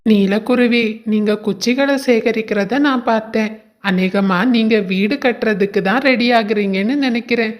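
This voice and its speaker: A woman's voice: a little high, normal speed, close to an everyday voice. A woman voicing a small, lonely young mango tree in a cartoon, earnest and pleading. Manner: earnest, pleading, soft-spoken. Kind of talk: cartoon voice acting.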